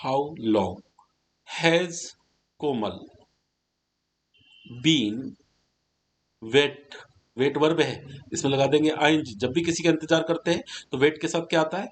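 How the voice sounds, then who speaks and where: Patient male grammar teacher, slightly high voice. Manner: patient, explains step by step, asks students questions; slows down to dictate English words one at a time. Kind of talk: classroom lesson in spoken Hindi.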